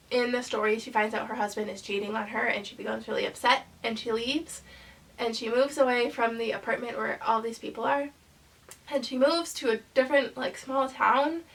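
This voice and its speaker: A young woman talks through her new books in a loose, rambling vlog chat, full of ums and likes. Her voice is congested from a cold, fairly high with a gravelly fry. She sits a bit back from the mic. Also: a bit bright, far from the mic, poor audio. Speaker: book channel host. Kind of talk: casual book haul vlog.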